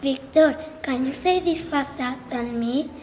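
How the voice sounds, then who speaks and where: A woman presenting a scripted school radio show, reading slowly and carefully. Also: high voice, darkish tone, slight background noise. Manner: slow, careful, deliberate reading. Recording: long reverb with faint music.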